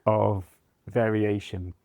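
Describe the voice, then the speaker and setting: A man who teaches meditation, explaining in a measured, deliberate way during a conversation. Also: fairly low pitch, level tone, warm tone, no echo. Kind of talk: conversational discussion.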